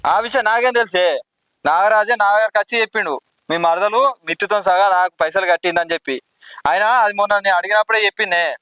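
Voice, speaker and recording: A man with a Telangana Telugu accent playing a young village postman who pleads, defends himself and gets angry quickly. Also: sits high, sharp tone, clean tone, no echo, rough recording. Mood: agitated. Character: young male village postman, anxious about honour. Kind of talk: village drama acting.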